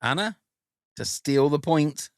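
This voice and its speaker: A man hosting a casual podcast quiz, playful and quick to laugh. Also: a little high, lively intonation, dry recording, clean studio sound. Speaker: podcast host running a quiz.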